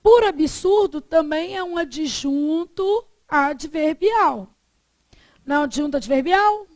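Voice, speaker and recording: A woman teaching a Portuguese grammar lesson, lively, asking the class questions and answering them herself. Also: high voice, takes it slowly, no room sound.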